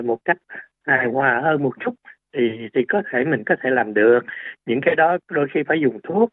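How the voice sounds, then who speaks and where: A man with a medium-pitched voice and no echo, a doctor appearing as a guest on a radio interview. He explains things hesitantly, full of fillers and restarts, over a tinny, phone-like radio line.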